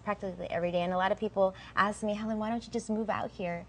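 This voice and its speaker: A young adult woman from Southern California, USA, appears as a guest singer and gives casual interview answers in a chatty, friendly way, saying "um" and "like" a lot. Her medium-pitched voice is steady and rapid-fire, with a little hiss or hum on the recording.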